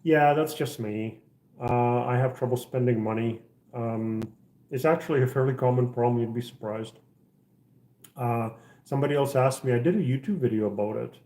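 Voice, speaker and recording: A man's voice: mid-range voice, normal speed, dark tone, reverberant. A middle-aged man from the Czech Republic hosting a casual livestream chat, rambling with lots of fillers and restarts. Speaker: livestream host. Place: house interior.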